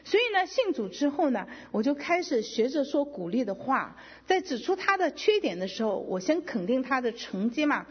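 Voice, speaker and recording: Middle-aged woman, testimony speaker; husky, animated delivery, long hall echo. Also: high-pitched, moderate pace, few pauses. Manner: emotional, animated storytelling with quoted dialogue. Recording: dull lo-fi sound with long hall reverb.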